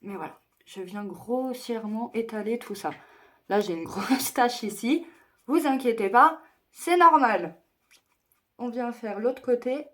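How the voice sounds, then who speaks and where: A woman's voice: fairly high pitch, a little slow, fairly bright tone. A young woman chatting her way through a makeup tutorial, explaining each step and joking at her own expense. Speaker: beauty vlogger.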